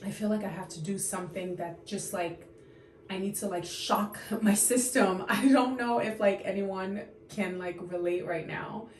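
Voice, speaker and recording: A woman in her thirties talks straight to camera in an unscripted confession, trying not to cry, halting and sighing often. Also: medium pitch, steady tone, reverberant, a little hiss or hum. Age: 30s. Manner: tearful, halting, full of fillers and sighs. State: on the verge of tears. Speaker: vlogger.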